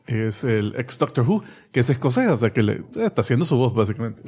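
A man talks through comics news in a loose, unhurried chat. He pauses often and fills the gaps with filler sounds. His voice sits at an ordinary, middle pitch. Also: husky. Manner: hesitant, many fillers, relaxed. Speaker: podcast co-host.

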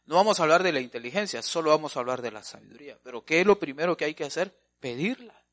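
A pastor preaching a sermon, asking his congregation questions and swinging between loud and soft. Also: a little high, expressive, fast.

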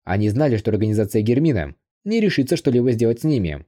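A man reads an audiobook with an expressive, dramatic delivery. His voice is mellow and dark, and his pitch moves lively through the sentences. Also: fast. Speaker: audiobook narrator. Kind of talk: scripted audiobook narration.

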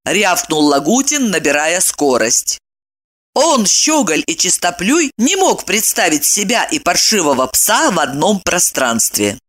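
A woman narrating a story aloud, reading in an expressive, dramatic way. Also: lowish voice, a little slow.

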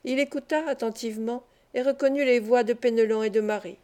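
Mellow-toned woman reading an audiobook. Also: on the high side, steady tone, a little fast. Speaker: audiobook reader. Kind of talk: scripted narration of a classic novel.

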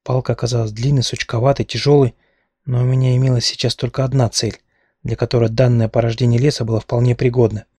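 A man reading a first-person novel aloud at a steady, measured pace. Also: mid-range voice, breathy edge, no echo. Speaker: audiobook narrator.

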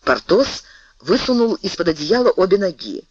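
A man reading an audiobook in an expressive, storytelling manner. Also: high voice, normal speed, slightly rough, no room sound, muffled recording. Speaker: audiobook reader. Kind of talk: scripted audiobook narration.

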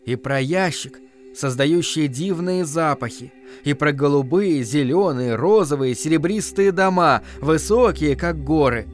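A male audiobook narrator reads a literary novel in short, measured phrases. His voice sits slightly high for a man. Soft music plays faintly behind him. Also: expressive. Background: faint background music.

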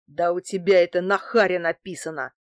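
A woman voicing a bald, scarred male street thug who talks rough and crude with a growl, in an audiobook. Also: lowish voice, normal speed, no room sound, studio quality, natural voice. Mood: gruff. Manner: growling, rude, crude slang. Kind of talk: audiobook character voice.

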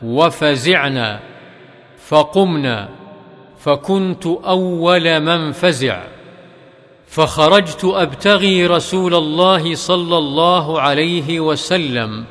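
Guy reading hadith slow and careful, kinda chanty, big long reverb on it. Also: a little high, a bit bright. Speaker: hadith reader.

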